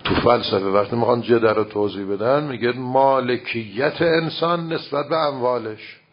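A man teaching religious philosophy in an informal lecture, explaining with everyday examples and rhetorical questions. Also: mid-range voice. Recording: dull lo-fi recording.

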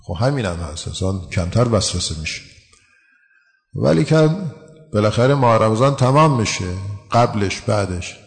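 A man's voice: lowish voice, expressive, creaky, long reverb tail. A man giving a religious lecture, explaining a text and asking his listeners rhetorical questions.

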